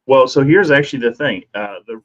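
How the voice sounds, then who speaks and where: A man co-hosting a casual live show, his voice coming through a thin, tinny mic with no bass, talking in a laid-back way with lots of fillers. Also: brisk. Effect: thin tinny mic sound with no bass. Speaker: co-host. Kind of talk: casual chat.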